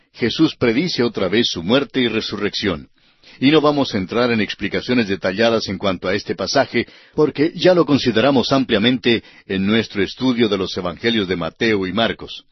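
Male radio Bible teacher, earnest sermon reading, husky timbre, dull old broadcast sound. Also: fairly low pitch, expressive, moderate pace, no echo. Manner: earnest, addresses the listener directly.

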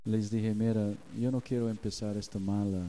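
A man's voice: on the low side, level tone, moderate pace, dark tone, slight background noise. A man, a pastor preaching a sermon and acting out his talks with God as he tells a story.

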